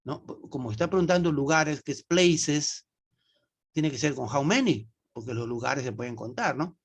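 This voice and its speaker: A man teaches English over a video call, sounding out words slowly and often checking in with "¿no?". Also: medium pitch, lively intonation, breathy edge. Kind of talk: online class explanation.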